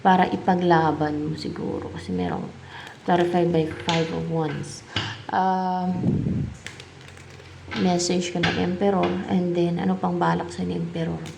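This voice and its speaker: A woman's voice: lowish voice, level tone, measured pace, gravelly, noisy background. A woman with a Filipino accent giving a tarot reading, musing aloud as she asks and answers her own questions. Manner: mixes English tarot terms into her talk. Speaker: tarot reader.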